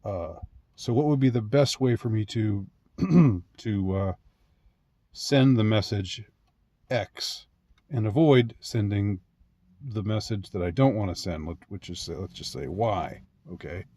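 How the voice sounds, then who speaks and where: A man with a somewhat low voice muses his way through a casual monologue. He hesitates, restarts and chuckles often. The recording is dry and close. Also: slow pace, warm tone, no room sound. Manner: rambling, hesitant, frequent fillers and restarts. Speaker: commentator.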